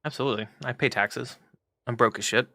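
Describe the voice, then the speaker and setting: Young male streamer, gravelly, casual profane banter while playing. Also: mid-range voice, fairly even intonation, fairly quick, bright, forceful tone, no echo, studio quality. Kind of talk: casual gaming stream chat.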